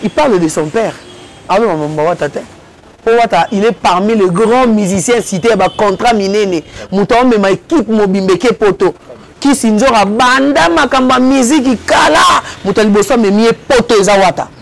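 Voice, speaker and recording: A man's voice: high voice, moderate pace, gravelly, slight background noise. A man animatedly telling a story as a guest in a casual interview. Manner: lively, switches between Lingala and French.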